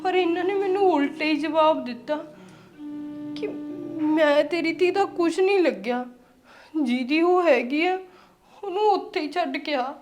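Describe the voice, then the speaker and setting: Picture a young wife and mother, played by a woman, tearful and pleading, her voice pitched high. Soft music sits faintly behind her. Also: measured pace. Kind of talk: village family drama acting.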